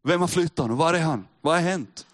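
Male preacher, fairly high voice, chatty sermon delivery that builds in emphasis. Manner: conversational, addresses listeners directly, rises in emphasis. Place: church with a live audience.

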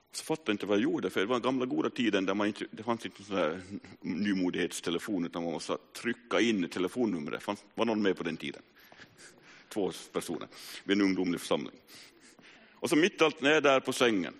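A man in his forties preaching a personal testimony sermon, telling his story earnestly with sudden rises and hushed drops. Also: fairly low pitch. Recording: reverberant hall.

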